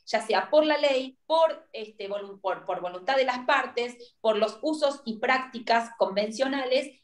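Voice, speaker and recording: A woman with an Argentine accent gives a university law lecture, explaining step by step and checking in often with her listeners. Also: sits high. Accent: Argentine Spanish. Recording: roomy echo.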